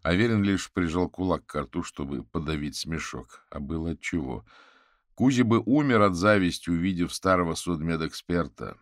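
A man narrating an audiobook in a measured, lively reading. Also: sits low, no room sound, studio quality. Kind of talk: scripted narration.

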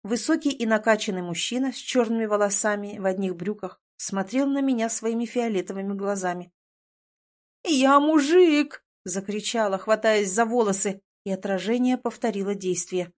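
A woman reading a first-person novel aloud in an expressive, dramatic way. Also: mid-range voice, a little fast, few pauses. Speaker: audiobook narrator.

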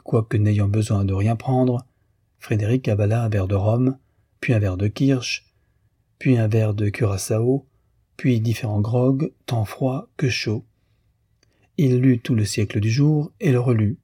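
A man narrating a classic novel as an audiobook, reading in a measured, unhurried literary manner. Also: lowish voice, warm tone, breathy edge, no room sound, clean studio sound.

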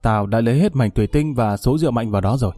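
A restrained young man speaks quietly through his sorrow in a story reading, as a male narrator voices him. His tone is warm and low. The recording is dry and close. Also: racing, no room sound, faint music behind, lightly acted. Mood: calm.

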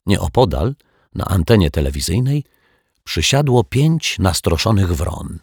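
A man narrating a children's storybook in a calm, even storytelling manner, recorded on a close microphone. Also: deep voice, a little slow, husky, dry recording. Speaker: audiobook narrator.

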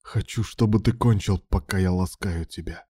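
A man voicing a calm, teasing male lover who speaks low and steady. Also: moderate pace, breathy edge, no echo, clean studio sound.

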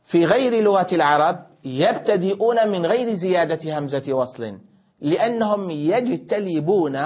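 A man teaching a grammar lesson, questioning his students and correcting them, explaining by repeating and rephrasing points. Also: a little high. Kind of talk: classroom lesson. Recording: dull lo-fi classroom recording.

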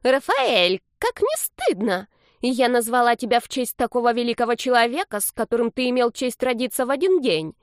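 A woman voicing a fussy, half-deaf old grandmother in an audiobook, scolding with shrill, drawn-out words. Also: big pitch swings, no echo, studio quality. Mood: indignant. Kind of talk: audiobook character voice.

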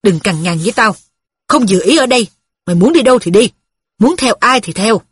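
Here is a bitter, quick-tempered widow, voiced by a woman reading a story. She scolds and resents in a fairly high, breathy voice. The sound is dry and close. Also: expressive, fairly bright tone, no room sound. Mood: scolding.

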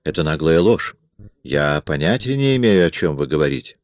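A man voicing a furious young woman in an audiobook, with indignant, sharp outbursts. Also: a bass voice, big pitch swings, normal speed, no echo, muffled recording. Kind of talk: audiobook character reading.

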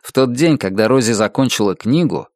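A man reading a novel aloud as an audiobook narrator, measured and expressive, slowing down to stress key words. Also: medium pitch, dry recording, clean studio sound.

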